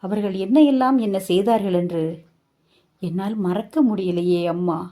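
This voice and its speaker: A woman's voice: medium pitch, moderate pace, warm tone, close to an everyday voice. Woman voicing a grieving, bitter mother. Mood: anguished. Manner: pleading, anguished questioning.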